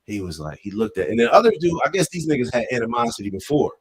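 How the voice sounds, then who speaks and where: A man's voice: mid-range voice, fast talker, husky. A young man co-hosting a podcast, telling a story in casual banter and acting out the people in it. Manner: animated, acts out voices in his stories. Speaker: podcast co-host.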